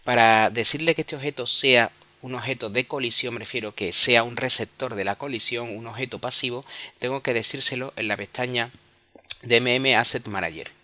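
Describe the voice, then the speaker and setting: A man from Spain with a Spanish accent, explaining software step by step in a screen-recorded tutorial, often correcting himself and checking in with tag questions. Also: mid-range voice, moderate pace.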